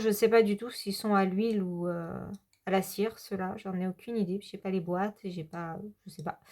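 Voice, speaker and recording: A woman's voice: medium pitch, darkish tone. Rambling woman vlogging. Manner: rambling and hesitant, many pauses. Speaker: hobby vlogger. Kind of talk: casual chat vlog.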